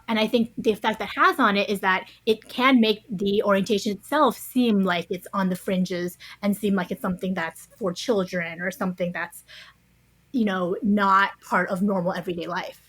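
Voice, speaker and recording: Her voice is mid-range and fairly bright, captured on a rough recording without echo. As an author interviewed on a podcast about her book, she explains articulately and conversationally, frequently adding "you know" and "right?"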